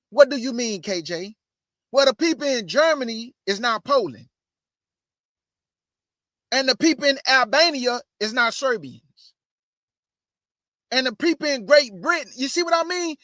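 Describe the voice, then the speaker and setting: Speaking in a very high voice with a sharp edge, this male host delivers casual, preachy religious commentary and addresses his audience as family. The sound is dry and clean, like a studio.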